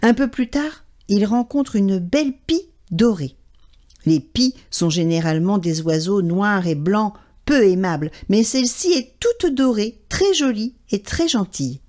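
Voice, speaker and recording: A woman telling a children's story aloud in an expressive, animated way. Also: mid-range voice, a little slow.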